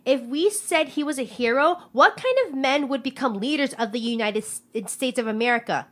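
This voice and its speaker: A woman's voice: sits high, normal speed, close to an everyday voice. A woman playing a blunt, indignant fourteen-year-old schoolgirl delivering a speech in an emphatic, outspoken way. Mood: indignant, declaiming. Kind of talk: scripted comedy sketch, speech delivery.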